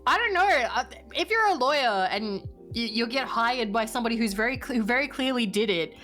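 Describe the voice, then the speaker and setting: Animated woman in her late twenties chatting. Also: fairly high pitch, fairly quick, soft background music. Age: 20s. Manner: rambling, thinks aloud with many fillers. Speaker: streamer. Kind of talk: casual chat.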